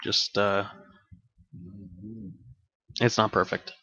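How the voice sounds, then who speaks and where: A man with a low voice gives rambling, offhand commentary over a video game, dropping swear words as he goes. His desk microphone gives a dull, dry sound and picks up the game audio playing nearby. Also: level tone, drawn-out words, sharp tone, no echo. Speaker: gaming channel host. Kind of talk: casual gameplay commentary. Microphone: desk microphone with game audio bleeding in. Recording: dull, dry home recording.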